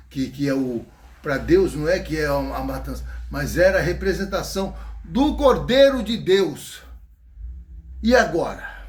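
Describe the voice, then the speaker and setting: A man with a Brazilian accent preaching an informal sermon in a folksy, joking way, acting out scenes. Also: sits high. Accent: Brazilian Portuguese. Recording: echoey room.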